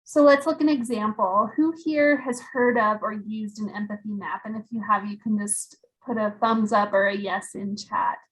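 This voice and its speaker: A woman giving a scripted workshop presentation with steady, explanatory delivery. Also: mid-range voice, moderate pace, few pauses, rough recording.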